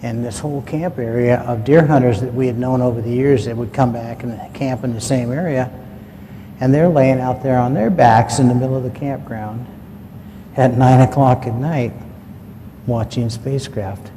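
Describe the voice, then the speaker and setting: A man's voice: mid-range voice, fairly even intonation, moderate pace, mellow. A man recounting a personal story in a folksy, plain-spoken way, acting out what his dad said. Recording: long hall reverb, faint ambient noise.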